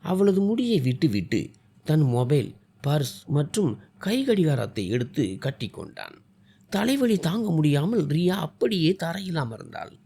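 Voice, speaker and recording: A man tells a family story in an expressive, dramatic reading. His voice is dark and husky and sits a little high, and his pitch moves about freely. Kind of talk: scripted story narration.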